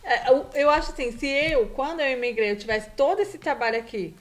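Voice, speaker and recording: Speaking a little fast in a voice that sits high, a middle-aged woman from Brazil guests on a relaxed live stream. She tells her stories in a warm, chatty manner, sprinkling in lively quoted asides.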